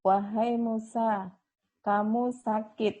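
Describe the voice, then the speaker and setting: Woman from west java, slow soft reading, mellow voice, dull muffled call. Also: on the high side, little pitch movement. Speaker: student. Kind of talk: reading aloud in an online class. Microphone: video call.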